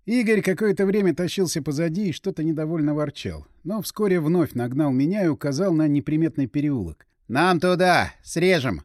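A man narrating a first-person action audiobook with a brisk, expressive reading. His voice sits a touch high and moves lively through its range. The sound is dry and close. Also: no room sound.

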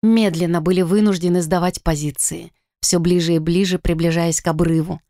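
A woman narrating a first-person fantasy audiobook in an expressive, dramatic reading. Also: fairly low pitch, brisk, no room sound, clean studio sound.

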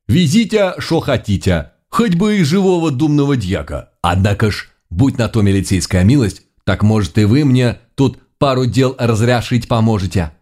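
A man's voice: mid-range voice, lively intonation, moderate pace, hardly any pauses, a little mellow, voice pushed up, lightly acted. Man doing a shrewd courtly governor. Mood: persuasive. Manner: old-fashioned courtly speech, with a southern dialect touch. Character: shrewd, authoritative middle-aged male provincial governor.

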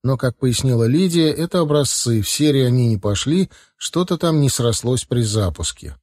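A man reading a first-person audiobook with an even, wry storytelling manner, also voicing the hero's dialogue. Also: medium pitch, normal speed. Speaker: audiobook narrator.

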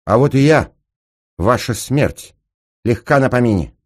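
A male reader voicing a fierce, death-obsessed young woman in a high, shrill voice, in an audiobook. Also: expressive, normal speed, mellow. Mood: triumphant. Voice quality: high, shrill when pushed. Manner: defiant, fevered.

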